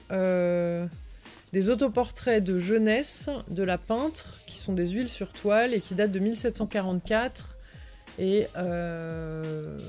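A French-speaking woman with a mellow, medium-pitched voice co-hosts a livestream from an indoor room, reading an article aloud while translating and commenting on it. Music plays in the background.

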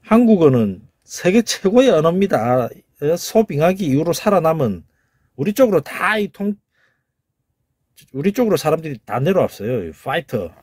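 A man's voice: on the high side, big pitch swings, normal speed, a little mellow, husky, dry recording, clean studio sound. A man with a Gyeongsang Korean accent giving an informal lecture, emphatic, repeating key words and sounding them out.

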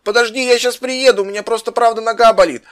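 A man playing a clumsy, injured young man in an improvised game role-play, groaning and complaining, with quick comebacks. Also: very high voice, steady tone, fairly bright tone. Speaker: Minecraft role-play player.

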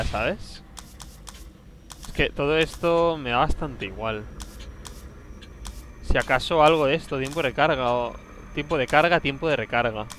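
A man's voice: mid-range voice, a bit bright, a little hiss or hum. A man from commentates a horror game, talking to himself in a nervous, jumpy way. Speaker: gameplay commentator. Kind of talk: casual gameplay commentary.

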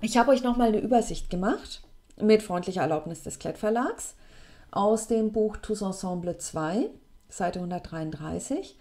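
Chatty teacher woman with a mellow voice. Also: normal speed. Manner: lively, chatty, plays with pitch for emphasis. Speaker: French teacher. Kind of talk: explaining French grammar to students.

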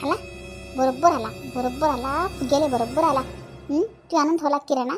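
A woman's voice: high-pitched, moderate pace, music in the background, natural voice. A woman with a Vidarbha Marathi accent voicing a fierce, scolding widowed village mother in a cartoon. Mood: exasperated. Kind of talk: cartoon voice acting.

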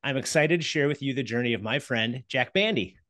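Upbeat podcast host on a dry headset. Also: male voice, medium pitch, animated, a little fast, no room sound. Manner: warm, upbeat, frequent fillers and restarts. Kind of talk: casual interview. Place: home office. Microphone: headset on a video call.

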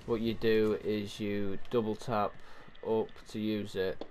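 A man hosting casual gameplay commentary, relaxed, walking a co-op partner through the controls. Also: on the low side, slow pace, slight background noise. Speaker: gaming channel host.

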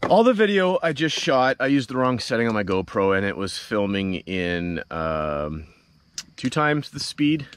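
A man's voice: fairly low pitch, sing-song, a little slow. Chatty dad rambling outdoors to his camera. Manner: chatty, rambling, with frequent ums and uhs. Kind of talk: casual camping vlog talk to camera. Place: outdoors beside a cornfield. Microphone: handheld action camera at arm's length.

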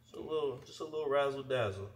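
A man's voice: mid-range voice, fast. Young man vlogging in an echoey kitchen. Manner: laid-back slangy talk to camera. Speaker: fitness vlogger. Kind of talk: casual cooking vlog. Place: large home kitchen at night.

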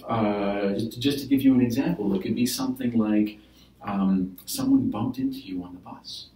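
A man's voice: mid-range voice, normal speed. A man playing a therapist in a role-play session, explaining patiently and checking in with "right?" as he goes. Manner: explaining gently with many "right?" and "like" fillers. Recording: roomy, from a distance.

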